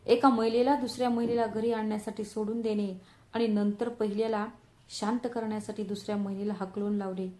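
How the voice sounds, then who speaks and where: A woman's voice: mid-range voice, little pitch movement, fairly quick, a little mellow, lightly acted. Woman voicing a proud, bitter wronged wife. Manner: bitter, cutting. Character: wronged young wife, proud, sharp and cold. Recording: roomy echo.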